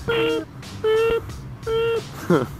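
A man's voice: very high-pitched, wildly swooping pitch, drawn-out words, loud music behind the voice, rough recording. A man riding a motorcycle in a group, bantering bluntly and swearing over a helmet intercom. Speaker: fellow rider. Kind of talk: casual chat between riders. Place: riding a motorcycle outdoors on roads. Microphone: helmet bluetooth intercom.

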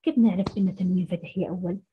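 A woman teacher, giving a first-grade phonics lesson and sounding out syllables slowly. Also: fairly low pitch, steady tone, slight background noise. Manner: slow, syllable-by-syllable sounding out of letters. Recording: muffled lo-fi recording.

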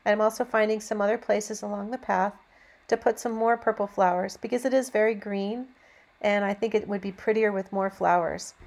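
A woman narrating a painting demonstration as an instructor, in a gentle, encouraging teaching manner. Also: medium pitch, fairly even intonation, normal speed.

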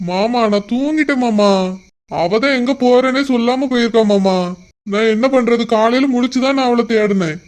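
A man voicing a young son-in-law in a cartoon, calmly reassuring his father-in-law. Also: extremely high pitch, moderate pace. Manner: calm, explaining.

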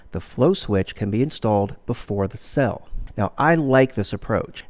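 Man, low voice, steady, explanatory, instructional voice-over. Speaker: pool care instructor.

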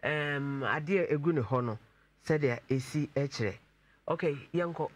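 A woman hosting a studio talk show, animated and chanting catchphrases. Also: sits low, unhurried. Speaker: host.

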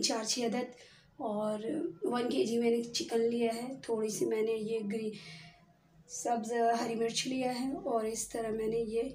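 A woman with a slightly high, warm voice hosts a home cooking channel, chatting casually as she cooks at a gas stove. She explains every step and often says "theek hai." The kitchen is noisy, and the audio sounds echoey and distant.

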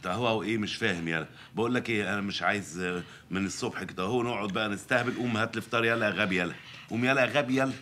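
A man's voice: fairly low pitch, very fast. An actor with an Egyptian accent playing an impatient, sarcastic man who scolds and mocks his foolish friend. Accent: Egyptian Arabic. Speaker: Adel, the exasperated friend. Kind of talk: sitcom acting. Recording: TV sitcom audio with loud background noise.

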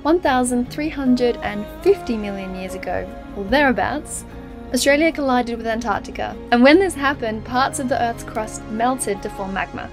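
A woman's voice: on the high side, animated, moderate pace. A woman narrating her travel vlog in a casual, upbeat, explanatory voice-over. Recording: music bed under voice.

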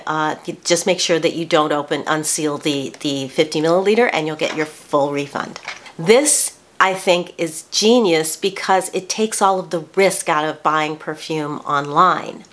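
A woman's voice: lowish voice, a little hiss or hum. A woman in her sixties hosting a casual product review vlog from a bedroom, chatty and prone to restarting her sentences. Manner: chatty, with frequent restarts and self-corrections. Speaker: beauty vlogger. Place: small bedroom, indoors.

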